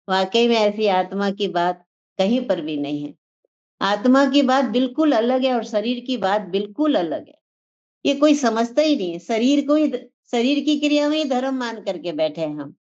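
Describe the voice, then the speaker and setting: A woman giving a spiritual discourse to a class, speaking earnestly and circling back over the same phrases as she teaches. Her voice sits at a middle pitch. The recording sounds muffled and lo-fi. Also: a little mellow. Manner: earnest, repetitive teaching cadence. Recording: dull lo-fi sound.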